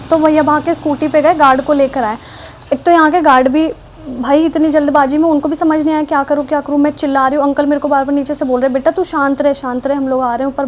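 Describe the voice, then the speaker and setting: A woman's voice: high-pitched, slight background noise. A young woman, animatedly retelling a frightening personal story for her vlog. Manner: animated, breathless retelling with many repetitions. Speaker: vlogger.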